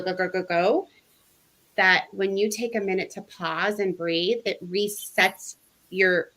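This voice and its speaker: Woman breathwork guide, animated and upbeat, chatty interview guest. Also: medium pitch. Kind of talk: casual interview chat.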